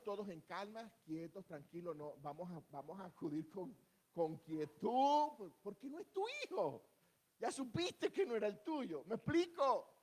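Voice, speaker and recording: Brief: male pastor preaching, high voice, repeats phrases, asks the congregation questions. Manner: repetitive, rhetorical questions to the congregation. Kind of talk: sermon. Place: church, standing before a congregation.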